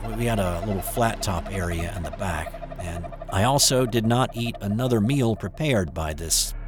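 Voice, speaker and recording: An older man telling his own eerie childhood story in the first person, hesitant and hushed, with small restarts. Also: fairly low pitch. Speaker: narrator of a true eerie story.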